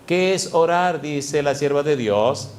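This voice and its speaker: A man's voice: a little high, expressive, slow pace, darkish tone, slight background noise. A middle-aged man preaching a sermon as a pastor, asking the congregation question after question and playing with sound words.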